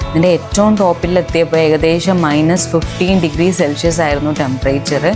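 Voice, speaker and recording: A woman with a distinctly low voice narrates a vlog with a Malayalam accent. She slips English words into her Malayalam as she explains. Guitar music plays clearly underneath. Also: fairly even intonation, a little fast.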